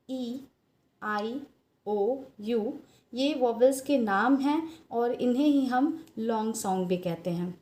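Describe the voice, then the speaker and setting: Indian woman English teacher, higher voice, unhurried phonics explainer. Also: warm tone. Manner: slow, patient explaining, spelling out letters. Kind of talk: phonics lesson for students.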